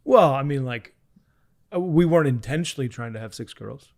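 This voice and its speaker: A man in his forties, a pastor talking as a guest on a podcast, telling stories earnestly with frequent restarts and soft asides. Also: medium pitch, animated, fairly quick. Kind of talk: casual interview chat.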